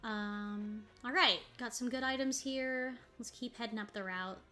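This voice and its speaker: A woman's voice: a little high, fairly even intonation, unhurried, bright, forceful tone, faint music behind. A woman streaming a video game, chatting casually and rambling as she plays, often breaking into laughter. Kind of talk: casual gaming commentary.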